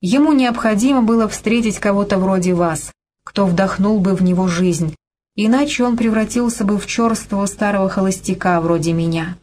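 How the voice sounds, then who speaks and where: A man's voice: high-pitched, moderate pace, natural voice. Older man, playful and fond, audiobook figure voiced by a female narrator, lightly teasing. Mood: warm. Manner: gently teasing.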